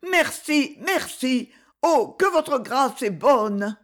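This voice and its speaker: A woman's voice: sits high, lively intonation, takes it slowly, voice pushed up. A woman doing a sobbing little boy. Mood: tearful pleading. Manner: pleading, stammering through tears.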